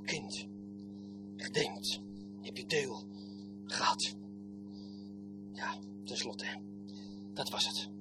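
A man preaching a sermon with old-fashioned biblical phrasing, swinging between loud exclamations and hushed, near-whispered lines. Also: on the low side, completely flat delivery, drawn-out words, long pauses, music in the background.

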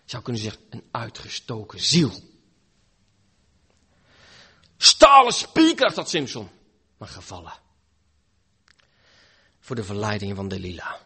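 Husky Dutch preacher, dramatic swings. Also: male voice, on the low side, big pitch swings, measured pace, pauses often. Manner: dramatic, swinging between loud pleading and hushed near-whispers. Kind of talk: sermon.

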